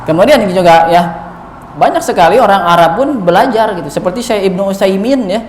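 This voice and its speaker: A man's voice: sits high, lively intonation, a little fast. A male Islamic preacher, giving a casual study lecture full of "gitu, ya" fillers. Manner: conversational, frequent "gitu, ya" fillers. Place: mosque hall. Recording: echoey mosque hall, faint noise.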